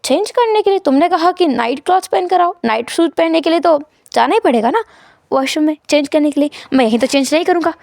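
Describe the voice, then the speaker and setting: A woman's voice: high voice, expressive, fast, gravelly, darkish tone, dry recording, clean studio sound. A woman voicing a nervous, flustered young husband who stammers and pleads in a rush. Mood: protesting.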